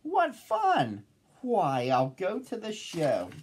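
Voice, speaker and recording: A man voicing a lazy, selfish female bird in a storybook reading, shrill and sputtering. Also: sing-song, normal speed, a little mellow, husky. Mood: delighted.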